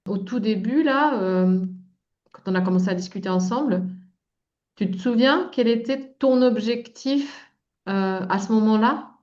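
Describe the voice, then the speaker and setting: A woman interviewer asking informal questions in a halting way, piecing them together as she goes, on a lo-fi recording. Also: fairly high pitch, darkish tone. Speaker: interviewer, coach. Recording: dull, lo-fi sound.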